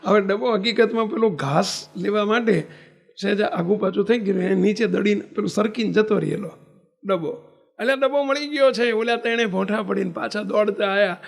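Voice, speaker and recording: Man, storytelling sermon, high voice, gravelly edge, acts out dialogue. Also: normal speed. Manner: animated storyteller acting out villagers and God in dialogue, with colloquial asides. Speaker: spiritual leader giving a religious discourse.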